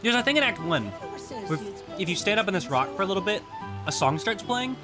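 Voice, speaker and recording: A man streaming a game live, chatty and excitable, swearing and reacting out loud. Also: high-pitched, brisk. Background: game music.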